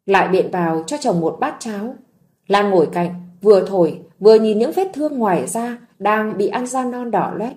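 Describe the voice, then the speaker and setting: A woman reading a drama story aloud in a gentle, emotive narration. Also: medium pitch, animated, normal speed. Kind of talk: scripted audiobook narration.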